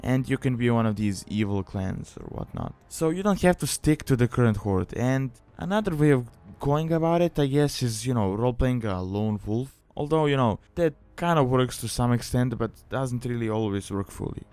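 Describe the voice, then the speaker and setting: Narrating a gaming tutorial, this video host and guide maker rambles casually and explains things, constantly dropping "you know" and "like." His medium-pitched voice is animated, a little mellow and clean, with a moderate pace and hardly any pauses.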